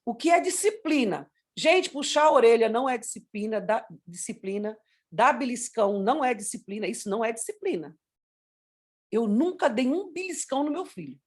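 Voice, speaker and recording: Animated high-voiced Brazilian woman preaching. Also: moderate pace, breathy edge. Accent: Brazilian Portuguese. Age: middle-aged. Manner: animated storytelling, acts out scolding and prayer. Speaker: pastor. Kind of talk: pastoral teaching to parents.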